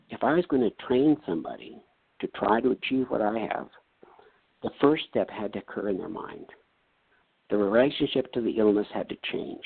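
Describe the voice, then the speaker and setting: This man's lowish voice has vocal fry and a breathy edge. He's a retired doctor from North Dakota in his seventies, casually telling a personal story in a folksy, earnest manner and playing out the things people said to him, heard on a tinny, phone-like line with no room sound.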